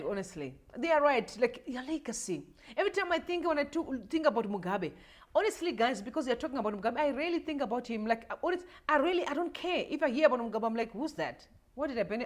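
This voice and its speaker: Woman, 40s, from Zimbabwe, livestream host; high, lively voice, emotional and preachy. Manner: emotional, repetitive, preachy, addresses viewers directly. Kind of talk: impassioned political commentary.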